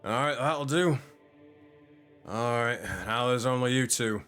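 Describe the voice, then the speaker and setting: A man's voice: medium pitch, unhurried, fairly bright tone, clean tone, faint music behind. A man running a tabletop game as game master, improvising narration in an informal, sweary way.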